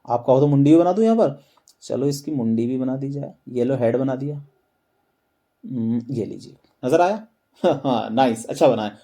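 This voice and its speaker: In this map lesson built around memory tricks, a man with a warm, medium-pitched voice keeps asking his audience the same questions and answering them on his own.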